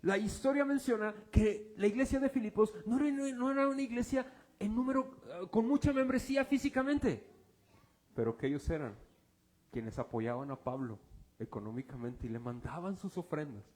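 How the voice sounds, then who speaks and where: Male pastor, slightly high voice, dramatic sermon delivery with loud peaks and quiet lows. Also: animated, normal speed. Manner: swings from loud exclamations to hushed low passages. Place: church.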